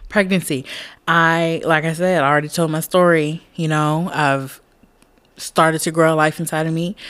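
A woman's voice: on the low side, dry recording. A woman in her late twenties talking candidly in a casual personal monologue, rambling and laughing often. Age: late 20s. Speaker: podcast host.

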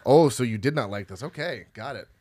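A man's voice: medium pitch, lively intonation, brisk, darkish tone, breathy edge, dry recording. A man co-hosting a podcast, casually reading through film credits, rambling and laughing at himself as he stumbles over names. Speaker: podcast co-host.

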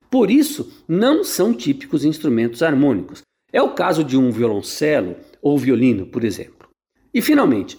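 A conductor with a Brazilian Portuguese accent answers radio listeners' questions patiently and didactically, sometimes singing short melody examples. His voice runs on the high side with a darkish tone.

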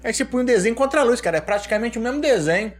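Fast-talking man telling stories. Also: very high voice. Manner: animated storyteller, swears freely. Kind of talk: casual chat.

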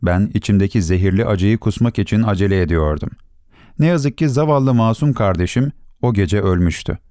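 Low-voiced male audiobook narrator. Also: fairly quick, warm tone, no room sound, studio quality. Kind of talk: scripted narration.

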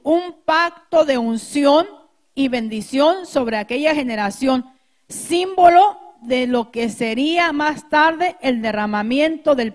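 A woman pastor teaching a sermon to her congregation, speaking through a sore throat and pausing to clear it. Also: high voice.

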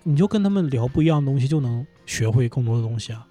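A man's voice: mid-range voice, quick pace, soft background music. A man guest on a podcast talking casually and animatedly about running a comedy company. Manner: animated, laughs and swears when excited. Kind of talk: casual conversational interview. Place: indoor studio.

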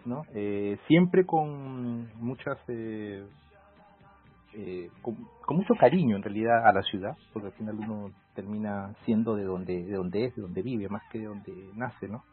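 This interview guest is a Peruvian law professor in his forties whose lowish voice has a breathy edge and a Peruvian accent. Measured and reflective, he fills his speech with hesitations, and faint music plays behind the phone-like call audio.

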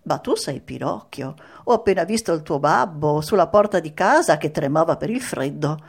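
A woman voicing a sly, lame fox in a storybook reading, talking in a friendly, smooth way. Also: sits low, animated, moderate pace, full character voice.

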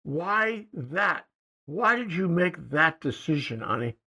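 A man hosting a talk show, interviewing a guest over a remote call in a halting, rambling way full of fillers. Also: a little high, sing-song, sharp tone, slightly rough, low-quality recording. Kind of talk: casual interview. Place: studio in Hawaii.

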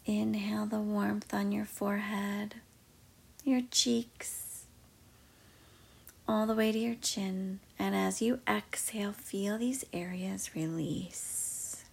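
A woman leads a guided meditation in a hushed, largely whispered voice. Her delivery is unhurried, and her tone carries a husky, gravelly edge. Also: mid-range voice, fairly even intonation. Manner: soft, slow, mostly whispered.

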